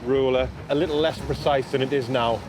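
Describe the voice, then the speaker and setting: A man's voice: mid-range voice, steady tone, brisk. A man working as a railway engineer, casually explaining the job on site outdoors. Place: outdoors on a bridge work site. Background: prominent music, outdoor traffic sounds.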